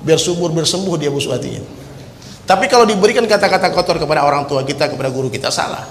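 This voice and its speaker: Fiery high-voiced male preacher, echoey hall. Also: animated, very fast. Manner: forceful, swings from low asides to loud shouted exhortations. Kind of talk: fiery Islamic sermon. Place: large hall with crowd. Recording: echoey hall with crowd noise.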